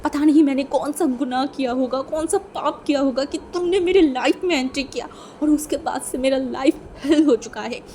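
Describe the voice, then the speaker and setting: A woman doing a wounded young man in a fan storybook, shouting in a raised, louder voice with a mellow tone. He stammers when scared and lashes out when cornered. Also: on the high side, flat delivery, moderate pace, slight background noise, lightly acted. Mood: angry shouting. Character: young man, poor, hurt and furious.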